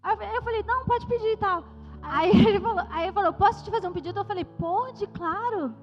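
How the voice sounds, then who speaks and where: Carioca woman missionary telling her story to the youth crowd, really high voice, big church echo. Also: a little fast. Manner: lively, joking storyteller addressing the crowd. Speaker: missionary giving testimony. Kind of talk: youth service testimony. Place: church hall. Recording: reverberant church hall, slightly dull sound, music behind.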